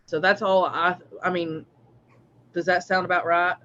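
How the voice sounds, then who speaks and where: High-voiced man, hesitant, on lo-fi audio. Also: flat delivery, measured pace, sharp tone. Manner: rambling, hesitant, many fillers and restarts. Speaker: host of a live spiritual reading stream. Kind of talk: casual live-stream chat. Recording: dull lo-fi stream audio.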